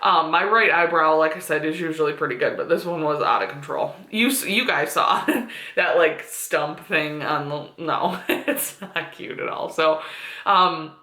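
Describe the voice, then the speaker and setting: A woman's voice: sits low, unhurried, sharp tone. A woman in her twenties, a beauty vlogger chatting casually to the camera with lots of fillers. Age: 20s. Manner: chatty, with frequent fillers and laughs. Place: room at home. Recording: echoey room.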